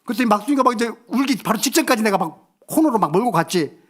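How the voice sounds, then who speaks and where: A man preaching a church sermon, telling a family story in a lively, colloquial way. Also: sits high, fast talker. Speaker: pastor.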